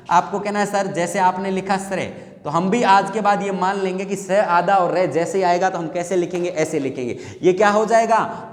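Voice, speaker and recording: High-voiced male Hindi teacher, echoey room. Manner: asks the class questions and answers them himself; repeats key points with emphasis. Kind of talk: exam-prep grammar lesson. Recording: echoey room with long reverb.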